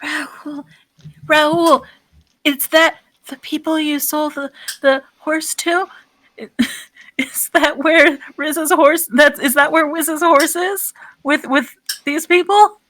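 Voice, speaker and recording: Jittery male investigator, worried, pitch lifted; woman player in character. Bright tone. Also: steady tone, slow, dry recording. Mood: startled. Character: Dickie, male investigator, out of his depth, skittish.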